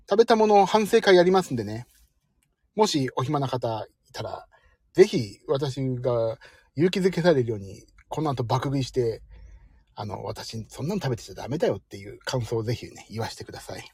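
A man's voice: a little high, warm tone, slightly rough, no room sound. A man hosting a casual live stream from his parked car, chatting in a self-deprecating way and reading out listener comments. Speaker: livestream host.

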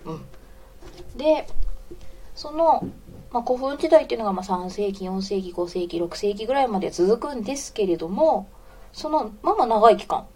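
Woman around forty, Kansai accent, mellow tone; chatty, giggly live-stream host who greets listeners mid-story. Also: on the high side. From Osaka. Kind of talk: casual live radio chat, reading listener comments.

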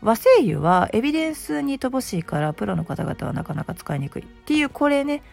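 A middle-aged woman with a gravelly, just-woken hoarse voice, chatting casually and self-deprecatingly as the host of a solo show. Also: mid-range voice, big pitch swings, brisk, darkish tone, faint music behind. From Osaka, Japan. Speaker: host, aromatherapy shop presenter.

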